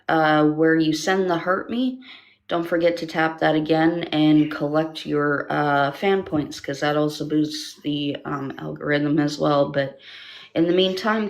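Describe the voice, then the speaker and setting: Woman, very low voice, casual chatty live-stream moderator, lots of ums. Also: creaky. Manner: chatty, filler-heavy urging of viewers.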